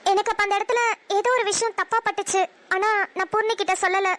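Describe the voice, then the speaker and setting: A woman's voice: very high-pitched, fairly even intonation, quick pace, a bit bright. A woman with a Namakkal Tamil accent narrating a cartoon story in the first person, chatty and blunt. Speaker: narrator and voice actor.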